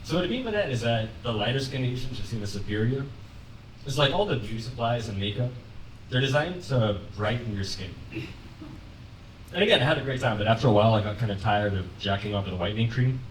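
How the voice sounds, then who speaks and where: A young man delivers a stand-up set in a loose, deadpan, conversational way, laughing lightly at his own jokes. His voice sits in the middle of the male range and sounds roomy, as if the mic is a fair way off on a club stage. A noisy audience fills the space behind him. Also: medium pitch, quick pace, distant mic. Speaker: stand-up comedian.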